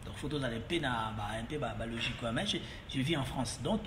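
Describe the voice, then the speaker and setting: A man's voice: mid-range voice, quick pace, background noise. A man from Congo talking casually to his followers, rambling between French and Lingala with many fillers and repeats. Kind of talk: casual monologue to camera. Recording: roomy echo, long reverb, faint ambience.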